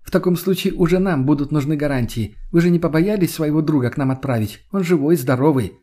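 A man's voice: fairly high pitch, fast talker, dark tone, voice pushed up, natural voice. A man voicing a brash, scheming young woman who snaps and swears. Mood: sly. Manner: scheming, crude, snapping.

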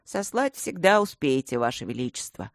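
A woman voicing an old male magister who talks in a measured, placating way. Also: extremely low pitch, sing-song, no echo, studio quality, pitched below the performer's own voice, exaggerated voice.

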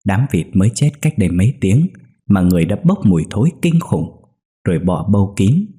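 Low, husky male ghost-story narrator. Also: fairly quick. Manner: steady, suspenseful storytelling. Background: faint music.

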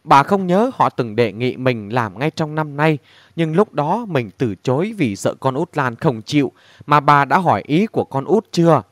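A man's voice: on the high side, expressive, moderate pace, dry recording, studio quality, lightly acted. A man reading as an irritable father. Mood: gruff. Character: gruff middle-aged father, irritable.

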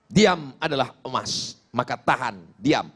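A man preaching a lively Islamic sermon, swinging between loud rebuke and quiet asides, joking with the audience. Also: mid-range voice, unhurried, slightly rough. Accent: Indonesian.

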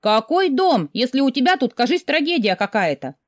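A woman voicing a lively, caring young woman friend who talks briskly and takes charge, in an audiobook. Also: high-pitched, dry recording, studio quality, pitched above the performer's own voice. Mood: bossy, worried. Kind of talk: audiobook dialogue reading.

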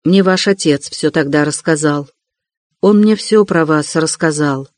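A man's voice: on the high side, unhurried, dry recording, close to an everyday voice. A man reading an audiobook, voicing a brooding young man with curt, clipped questions, close to his own voice.

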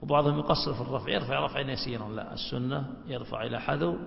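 A man's voice: medium pitch, very fast, vocal fry. A man, a religious scholar, teaching a class and explaining points step by step, often checking with rhetorical questions. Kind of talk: classroom lecture. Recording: echoey hall, dull lo-fi sound.

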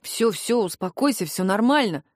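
A woman's voice: mid-range voice, animated, normal speed, no echo, studio quality, lightly acted. A woman reading a pushy, pleading young man. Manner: insistent, coaxing. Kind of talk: audiobook dialogue reading.

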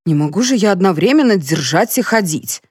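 A woman's voice: lowish voice, lively intonation, a little fast, husky, no room sound, studio quality, pitched above the performer's own voice. A woman reading an audiobook, voicing a plain-spoken, simple-minded middle-aged housekeeper who talks bluntly. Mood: matter-of-fact. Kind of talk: audiobook character voice.

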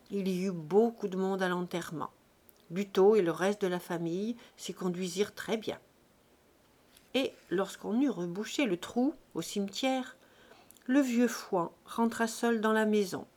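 A woman narrating a classic novel as an audiobook reader in a measured, steady way. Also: mid-range voice.

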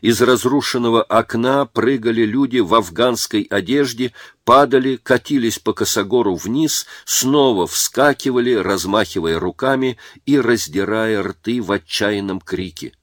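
A man reading a war story aloud as narrator, in a measured and dramatic way. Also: medium pitch, dry recording, studio quality.

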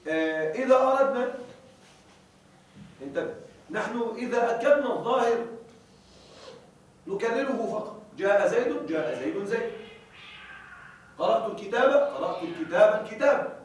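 A man with a high voice teaches a grammar class from some way off the microphone, and the big room rings loudly around him. He keeps checking that his students follow and slows down to spell out each example. The recording is very echoey. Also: animated, slight background noise. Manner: checks on students with repeated questions, stresses example words. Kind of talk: classroom lesson. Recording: very echoey room, far from mic.

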